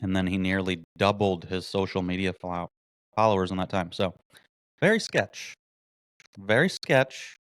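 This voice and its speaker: Mocking male podcast host, smooth and dry. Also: low voice, no room sound. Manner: mocking, indignant, reads articles aloud. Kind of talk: political commentary monologue.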